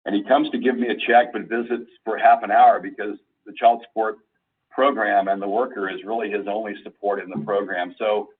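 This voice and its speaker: Heard over a conference call phone line from some distance, his audio comes through thin and phone-like. The husky, low-voiced man presents slides to his colleagues with fairly even intonation, pausing deliberately as he explains.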